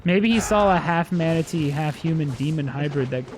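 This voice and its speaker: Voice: mid-range voice, moderate pace, music in the background. A streamer chatting casually while playing a game, swearing freely and reacting with laughter. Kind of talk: casual gameplay chat.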